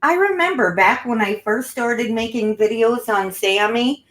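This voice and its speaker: A woman's voice: on the high side, unhurried, fairly bright tone. A woman hosting a casual commentary chat, blunt and scornful about the person discussed. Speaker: channel host.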